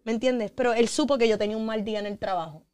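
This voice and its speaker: A woman's voice: on the high side, racing, clear, resonant tone, no echo. Blunt, profane woman. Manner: blunt, profane, animated, mixes English into Spanish. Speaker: podcast guest. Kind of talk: casual podcast chat.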